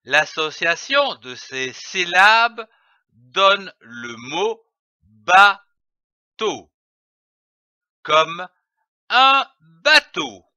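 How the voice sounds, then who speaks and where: A man teaches early reading at a very slow, deliberate pace, sounding out each letter and syllable for young children. His voice is bright and fairly high, and it rises and falls in a lively way. The sound is dry and a little dull. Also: no echo.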